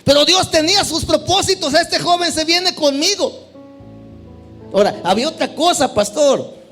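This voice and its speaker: Male evangelist, very high voice, fervent sermon delivery with sudden loud peaks, faint music underneath. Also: normal speed. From California. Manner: impassioned, swings from loud cries to low intense asides. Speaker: evangelist preacher. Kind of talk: sermon testimony.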